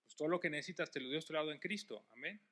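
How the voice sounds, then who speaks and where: Impassioned bright-voiced male pastor. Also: fairly high pitch, very fast. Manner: impassioned, emphatic, swings between loud and hushed. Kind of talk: sermon and closing prayer.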